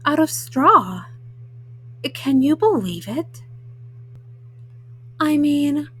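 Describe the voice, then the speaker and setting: A woman voicing a folksy, self-justifying male wolf in a storybook, haltingly, with frequent uhs. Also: sits high, heavily acted, rough recording. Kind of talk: storybook read-aloud in first person.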